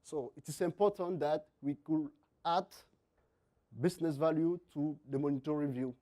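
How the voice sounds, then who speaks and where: Mellow man with a French-Cameroonian accent. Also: a little high, fairly even intonation. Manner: halting non-native English with repeated words. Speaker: conference speaker, software engineer. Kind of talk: technical conference presentation.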